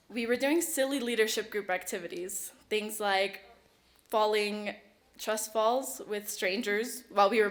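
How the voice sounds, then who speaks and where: Emotional teenage girl giving an acceptance speech. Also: medium pitch. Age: late teens. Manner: chatty and emotional, filler-heavy, bilingual. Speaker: award recipient. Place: awards ceremony stage.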